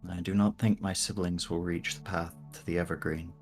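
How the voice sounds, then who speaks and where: Man playing a low-voiced, solemn cursed elf. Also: flat delivery, fairly quick, faint music behind. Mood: solemn, earnest. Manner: hesitant, formal, earnest. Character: solemn, devoted young male elf with a curse.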